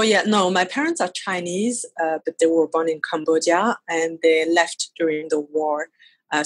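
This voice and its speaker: A woman's voice: on the low side, dry recording, rough recording. A woman in her thirties from France with a French accent, a photographer talking casually in an interview, laughing easily and using hesitant fillers. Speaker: guest photographer.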